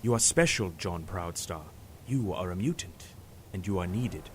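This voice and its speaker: A man plays a commanding, high-minded professor in a superhero audio drama. He speaks in a lowish, formal, grandiloquent voice over a faint rumble. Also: lively intonation, normal speed. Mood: assured.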